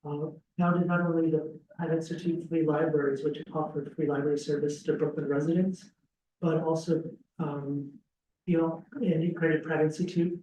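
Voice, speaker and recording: Man giving a casual talk, higher voice, mellow tone, roomy echo, far from the webcam mic. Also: moderate pace, slight background noise. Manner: relaxed, frequent ums and restarts. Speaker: school dean giving an info session. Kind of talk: informal presentation to prospective students. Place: classroom with audience, also streamed on a video call. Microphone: laptop webcam some distance away. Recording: roomy, distant webcam audio.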